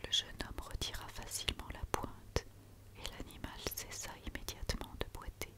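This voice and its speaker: A woman reads a story aloud in a quiet, soothing night-time whisper, as in ASMR, close to the microphone. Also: moderate pace. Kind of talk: whispered ASMR reading of a children's tale.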